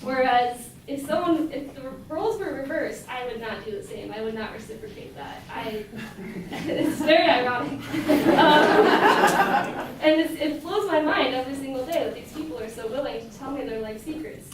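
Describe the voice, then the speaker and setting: A young woman with a somewhat high voice tells a personal story on stage, chatty and full of fillers, laughing often. Her voice comes from a distance in a very echoey hall. There is clear room noise behind her. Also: animated, normal speed. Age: young adult.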